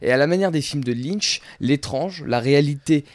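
A man's voice: a little high, moderate pace, no room sound. A man hosting a casual radio film chat, speaking hesitantly with many filler sounds and restarts. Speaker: radio host. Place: radio studio.

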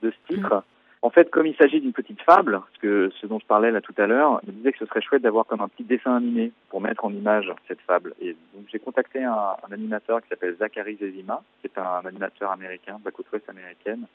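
A French man in his forties speaks quickly in a lowish voice, explaining his songwriting thoughtfully and pausing on fillers. The sound is narrow and tinny, like a phone line, with no room echo. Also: breathy edge. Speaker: musician guest. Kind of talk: radio interview answers.

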